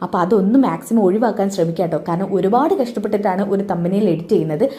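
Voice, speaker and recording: A woman's voice: medium pitch, very fast, dark tone. A woman casually retelling a TV serial episode for her channel in a chatty way. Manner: chatty, adds ttoʼ tags to sentences. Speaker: serial recap vlogger.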